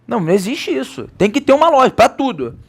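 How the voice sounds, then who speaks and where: A Brazilian man teaching a Portuguese grammar lesson, lively, asking rhetorical questions and answering them himself. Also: extremely high pitch, fast talker, slightly rough. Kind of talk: recorded classroom lecture.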